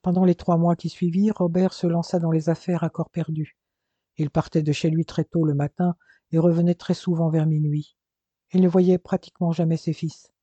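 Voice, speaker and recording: A man reading a dramatic novel aloud in measured, scripted narration. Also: a little high, flat delivery, dark tone, dry recording. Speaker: audiobook narrator. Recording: dull, dry lo-fi recording.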